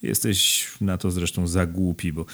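A man's voice: level tone, unhurried, fairly bright tone. A man voicing a sickly, hysterical young aristocratic count who sneers and whines in an audiobook. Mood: haughty. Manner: shrill, sneering, tearful.

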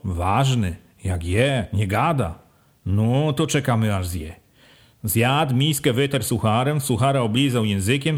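A man reading a folk tale aloud at a measured, unhurried pace. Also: medium pitch. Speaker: narrator.

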